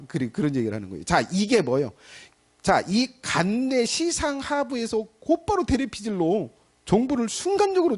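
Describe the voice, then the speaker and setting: Middle-aged male pastor, chatty and animated preaching, acts out small scenes, voice rising and falling a lot. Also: high voice. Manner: animated and conversational, acting out little scenes. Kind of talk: sermon. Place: church sanctuary.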